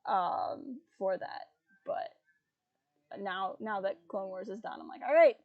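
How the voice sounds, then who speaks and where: A woman's voice: medium pitch, steady tone, slow, narrow, tinny audio. A woman hosting a casual livestream chat, talking loosely with lots of fillers and laughing easily. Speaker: livestream host.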